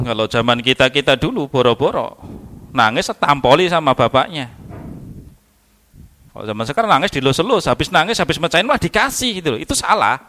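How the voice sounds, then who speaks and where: A man giving a religious study lecture in a conversational, animated way, acting out children and parents as he talks. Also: a little high, a little fast. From Indonesia. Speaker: Islamic teacher.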